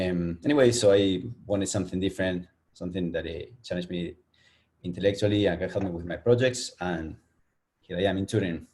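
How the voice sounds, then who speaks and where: A man's voice: deep voice, a little mellow. A man introducing himself to his class on a video call, hesitant and searching for words. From Argentina.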